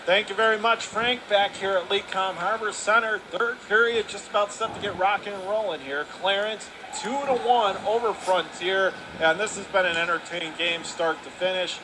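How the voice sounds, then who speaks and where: An American man calls live radio play-by-play of a hockey game, his high-sitting voice moving at a normal speed with few pauses. Noisy arena ambience and ice rink sounds fill the background.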